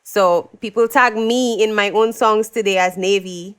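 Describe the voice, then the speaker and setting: A young adult singer-songwriter from Dominica, whose first language is English, tells her story as a guest in a casual interview. Her medium-pitched voice is clear and resonant, and she speaks unhurriedly but animatedly, acting out what other people said.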